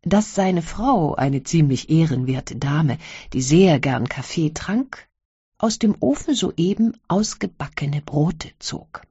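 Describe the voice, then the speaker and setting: Casting: low, slow female storyteller, breathy tone, dull lo-fi audiobook sound. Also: expressive, mellow, dry recording. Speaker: narrator. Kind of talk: audiobook reading of a classic story.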